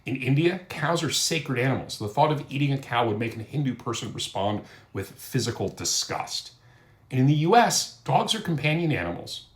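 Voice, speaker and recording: A man's voice: medium pitch, sing-song, normal speed, roomy sound. A man hosting a reaction commentary, scolding and indignant as he rebuts a clip. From United States. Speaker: commentary host.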